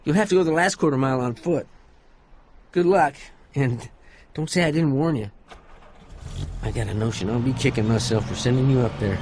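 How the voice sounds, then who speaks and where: A man's voice: medium pitch, moderate pace, long pauses, darkish tone, a little hiss or hum, close to an everyday voice. An actor playing a wary, folksy local man in a video game, reluctantly giving directions. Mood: reluctant, warning.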